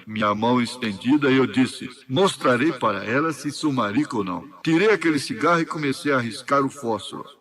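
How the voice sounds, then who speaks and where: A man with a Brazilian accent interpreting a sermon line by line, steady and faithful. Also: mid-range voice, fairly quick, few pauses.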